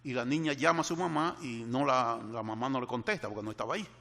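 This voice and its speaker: A man's voice: medium pitch, fast talker, sharp tone, in a large hall. An older man preaching a sermon meditation, earnestly repeating key phrases for emphasis as he tells a personal story.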